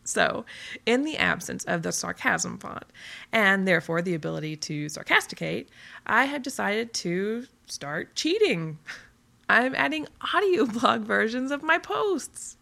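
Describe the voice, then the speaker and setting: A woman's voice: mid-range voice, sing-song, measured pace, vocal fry, sharp tone. A woman reading her own blog post aloud in a theatrical, sarcastic, self-mocking way. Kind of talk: dramatic audio-blog reading.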